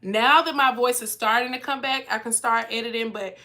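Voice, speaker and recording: A woman's voice: on the high side, fairly even intonation, fairly quick, bright, forceful tone. A young woman chatting casually on a live stream as a cruise vlogger and travel agent, her voice nasal and congested from a cold. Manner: chatty, reads out viewer comments.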